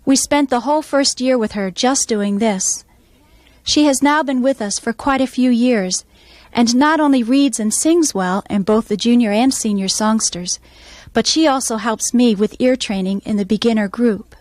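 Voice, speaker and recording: A woman music teacher explaining her methods in a calm, measured instructional voice-over. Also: on the high side, no echo.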